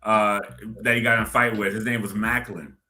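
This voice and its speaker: A man speaking as a guest on a podcast, talking in a measured way with many fillers. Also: on the low side, flat delivery, soft background music. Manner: measured, with many fillers and a sharp-edged timbre. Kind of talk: casual interview talk.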